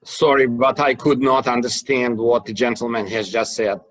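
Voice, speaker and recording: A man's voice: medium pitch, steady tone, normal speed. A man working as an interpreter, giving a careful, polite live translation voice-over of a signed statement on a video call. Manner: polite, careful, reporting speech in third person.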